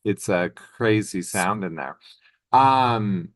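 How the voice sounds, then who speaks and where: A man's voice: fairly low pitch, animated, slow. A man hosting an interview, asking curious, musing questions about a film's sound and score. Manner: curious, speculative questions with brief backchannels. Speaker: interviewer, magazine host. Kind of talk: casual interview.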